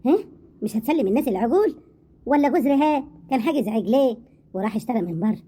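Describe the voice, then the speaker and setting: A woman with an Egyptian accent voicing a sharp-tongued older mother-in-law who scolds and mocks. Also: on the high side, expressive, husky. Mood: accusing. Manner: scolding, mocking, rapid.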